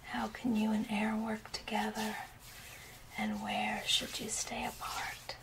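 The clip captures a woman in her thirties whispering breathily in a mid-range, monotone voice at a slow pace. She performs a soothing ASMR massage role play with instructions in a small room indoors, and the recording is plainly noisy, complete with rubbing sounds.

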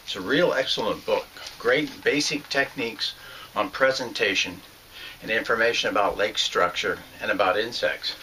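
Speaking from a small home room with shelves, an older man talks through a fly fishing lesson in an earnest, plain manner, with occasional fillers and restarts. His voice sits on the low side, bright and forceful, with a slight hiss or hum in the audio.

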